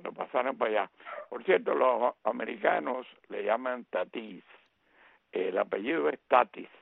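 A man with a very gravelly, husky voice chats casually about baseball as a radio co-host. The sound is dry and tinny, like a phone line. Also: mid-range voice, lively intonation, moderate pace, dry recording. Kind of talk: casual sports chat.

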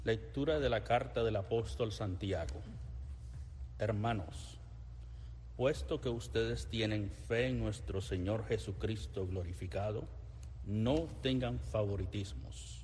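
A man reads scripture as a lector, slowly and solemnly. His voice is fairly low. It echoes through a big church with slight background noise. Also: a little mellow. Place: large reverberant church interior.

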